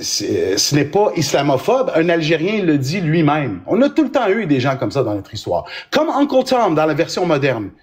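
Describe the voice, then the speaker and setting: In a live-stream debate, a Quebec-born lawyer with a Québécois French accent explains his position while repeatedly restarting his sentences. His voice is a little high, with a breathy edge, and his manner is explanatory yet hesitant.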